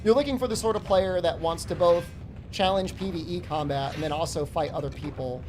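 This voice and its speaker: A game streamer in his forties talks briskly in a slightly high voice, with background noise behind him. He chats with his live-stream viewers as he plays, joking around and launching into profane, mock-angry rants.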